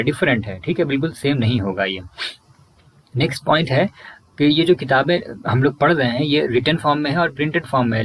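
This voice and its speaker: A man teaching a school lesson, reading English lines slowly and explaining them in Hindi, checking in often with "okay" and "right". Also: mid-range voice, slight background noise.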